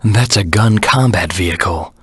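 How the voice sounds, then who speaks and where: A man voicing a brooding, serious hedgehog antihero in a video game, with a low husky rasp and a measured, deadpan delivery. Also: dry recording, studio quality. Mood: cool, matter-of-fact. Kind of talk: scripted game tutorial voice acting.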